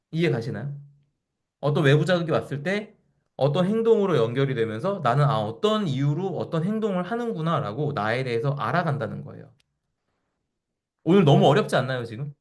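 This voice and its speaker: Male lecturer, 40s, fairly high voice with a very lively pitch; talks to a live room, questions the audience, acts out quotes.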